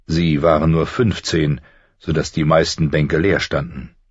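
A man calmly reading an audiobook narration. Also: rumbling low, unhurried, slightly rough, no echo. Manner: calm, even storytelling. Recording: slightly muffled dry recording.

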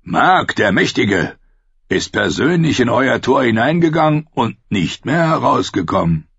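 Male reader doing a jovial, booming wildling brute, husky and lively, dull dry audiobook sound. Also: measured pace, no echo, full character voice. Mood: roaring jovial. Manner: booming, laughing, mocking. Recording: muffled lo-fi recording.

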